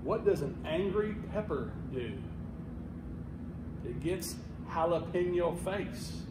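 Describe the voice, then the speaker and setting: A man's voice: sits high, animated, slow pace. A middle-aged American man telling dad jokes from a stage. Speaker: teacher telling jokes in a contest. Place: school auditorium stage, indoors. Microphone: camera at a distance. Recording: echoey, very noisy auditorium recording.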